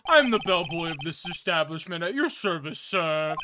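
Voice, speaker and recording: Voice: mid-range voice, animated, normal speed, background noise, natural voice. Someone doing a prim, obsequious hotel bellboy. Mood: servile. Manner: polite, stilted servile formality. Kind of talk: dramatic video game read-aloud with character voices.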